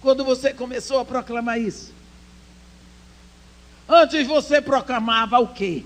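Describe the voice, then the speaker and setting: A native English-speaking woman preaches a passionate sermon at a women's church conference, in a high voice at a measured pace. She swings between loud proclamation and hushed storytelling.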